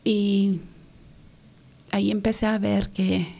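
A woman whose first language is English, giving an earnest personal faith testimony in an interview. She speaks softly and often drops into a whisper. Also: medium pitch, little pitch movement, slow, vocal fry. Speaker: interview guest.

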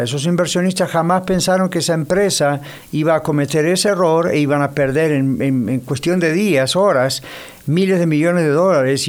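A man, a pastor, gives a conversational radio sermon, speaking directly to the listener. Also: fairly high pitch. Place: United States.

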